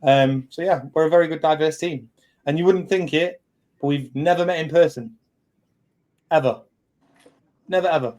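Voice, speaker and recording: Now his voice is on the high side and a little mellow, at normal speed with frequent pauses. The man from England, in his thirties and head of a company, hosts a live community chat in a blunt, meandering way, full of fillers and swearing.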